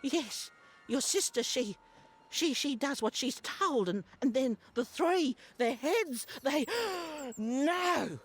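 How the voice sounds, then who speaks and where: A portentous female fortune teller from a video game. Her voice is high and theatrical, sweeping widely up and down with mystical drama. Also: animated, slow pace, husky, soft background music, heavily acted. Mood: frightened, pleading. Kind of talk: video game character acting.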